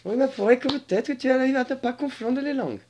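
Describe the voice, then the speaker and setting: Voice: fast talker, a little hiss or hum. A person joking among friends, speaking broken French in a put-on Slavic accent. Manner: lively, joking, pitch jumping around. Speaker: amateur radio joker. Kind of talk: playful banter among friends.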